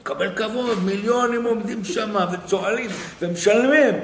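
Male preacher, high voice, lively storytelling sermon, faint noise and hall reverb. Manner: animated storytelling, acting out quoted dialogue. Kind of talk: sermon with retold stories.

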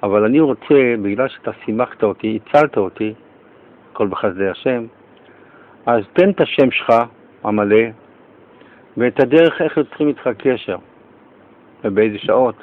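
Male radio host: lively, excitable storyteller, average pitch, muffled lo-fi broadcast sound. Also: long pauses. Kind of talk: radio interview.

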